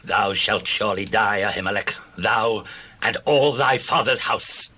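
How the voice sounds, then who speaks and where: A man playing an angry, suspicious, commanding king in dramatized scripture audio, with a forceful, accusing, declamatory delivery. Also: lowish voice, measured pace, husky, exaggerated voice. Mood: wrathful, commanding.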